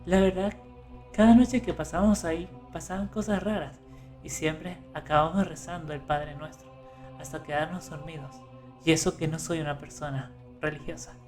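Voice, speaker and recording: A man reading horror stories aloud in calm scripted narration, rising for the tense moments. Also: on the high side, normal speed. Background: faint music.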